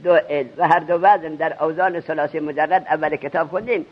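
Male teacher, somewhat high, husky voice, quizzing his class, dull lo-fi recording. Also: fairly even intonation. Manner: quizzes students with rapid questions. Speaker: religious teacher. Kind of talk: seminary grammar lesson.

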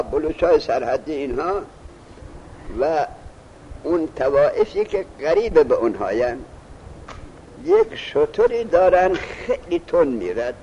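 Lively-voiced male teacher, muffled recording. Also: on the high side. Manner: reads text aloud, then explains and quizzes students. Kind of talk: classroom lesson explaining a text. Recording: muffled lo-fi recording with faint hiss.

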